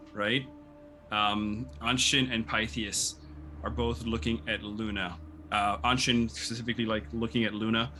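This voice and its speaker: A man's voice: on the low side, bright, forceful tone. A man acting as game master, improvising narration and rulings for a tabletop role-playing game.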